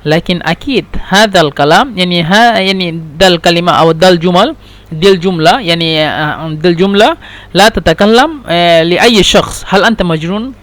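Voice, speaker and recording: A man teaching spoken phrases in a slow, deliberate lesson, repeating every sentence two or three times. His voice sits fairly high for a man. He pauses and restarts often as he explains. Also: fairly bright tone. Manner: hesitant, with many fillers and restarts. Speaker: Arabic teacher. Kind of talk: slow repetitive language lesson.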